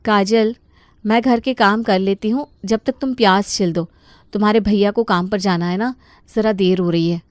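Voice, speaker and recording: A woman's voice: medium pitch, fairly even intonation, moderate pace, no room sound, lightly acted. A woman voicing a patient young daughter-in-law in a cartoon story, pleading and firm by turns. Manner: pleading, then firm and resolved.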